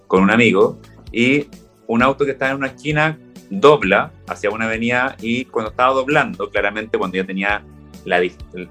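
A young Chilean man chatting casually, telling stories and acting out what people said. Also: on the low side. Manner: relaxed storytelling, acts out quoted lines. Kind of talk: casual chat.

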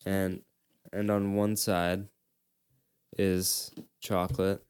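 A man's voice: sits low, level tone, drawn-out words, darkish tone, clear, resonant tone. A young man hosting a podcast, chatting casually in a laid-back, joking way with frequent fillers and restarts. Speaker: podcast host. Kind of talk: casual chat.

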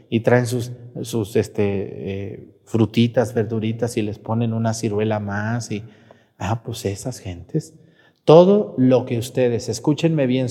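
Mexican priest, folksy scolding sermon, warm tone, long church reverb. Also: male voice, medium pitch. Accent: Mexican Spanish. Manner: folksy, scolding, acts out parishioners' voices.

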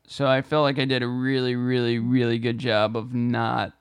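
A man co-hosting a podcast in casual chat, grumbling and getting loud when something annoys him. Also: mid-range voice, little pitch movement, normal speed, smooth. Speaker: podcast co-host.

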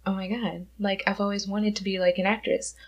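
A woman's voice: mid-range voice, little pitch movement, brisk, highs cut off. A woman in her twenties from Michigan, co-hosting a podcast in casual chat, talkative, laughing often and swearing freely. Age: 20s. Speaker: podcast co-host.

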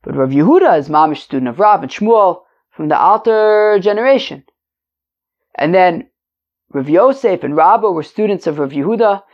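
A man's voice: high-pitched, animated, moderate pace. A man teaching an informal Talmud lesson, reading and translating conversationally, rephrasing and asking rhetorical questions. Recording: dull lo-fi recording.

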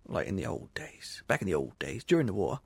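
A man's voice: low-pitched, very animated, fairly quick, creaky, breathy edge, no room sound. Rambling, self-deprecating English man. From England. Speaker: podcast co-host. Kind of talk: casual chat.

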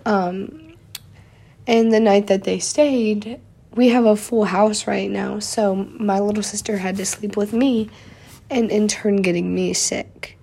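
Slightly congested from a cold, a young woman chats her way through a solo podcast she hosts, using lots of fillers. Her voice is medium in pitch, slow, fairly even, gravelly, and warm with a breathy edge.

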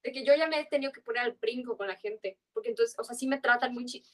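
With a slightly high voice, a fairly bright tone, and a quick pace, a young Yucatecan woman in her twenties talks casually as a guest on a podcast. Her Yucatán Mexican Spanish accent is strong, and her rambling speech is full of slang and fillers.

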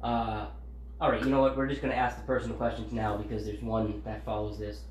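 A man's voice: lowish voice, little pitch movement, fairly quick, slight background noise. A man co-hosting a casual podcast, reading out questions in a laid-back, hesitant way with many fillers. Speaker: podcast co-host asking questions. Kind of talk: casual chat. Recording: echoey room.

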